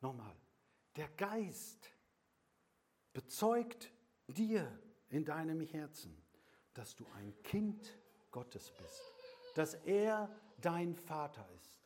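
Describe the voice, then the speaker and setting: An older man delivers a sermon, alternating between loud, emphatic lines and soft, whispered passages, repeating phrases slowly and deliberately. His voice is fairly high and sing-song.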